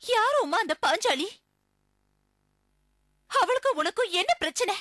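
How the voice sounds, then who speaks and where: A woman's voice: very high-pitched, big pitch swings, unhurried, dry recording, studio quality, full character voice. An actress playing a loyal woman friend who asks anxious questions and offers indignant support, in a TV serial drama. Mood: worried, indignant. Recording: loud background music score.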